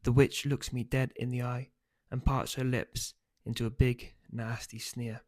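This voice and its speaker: A man, the book's author, reading his first chapter aloud in a steady storytelling voice. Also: medium pitch, unhurried. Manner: steady storytelling, loose and hesitant when speaking offhand.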